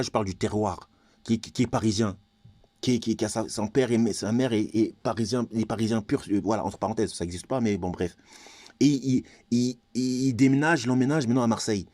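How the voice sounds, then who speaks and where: Man, from Congo, vlog rant, confrontational, rhetorical questions, dark mellow voice. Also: fairly low pitch, no room sound. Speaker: vlogger. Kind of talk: ranting vlog monologue.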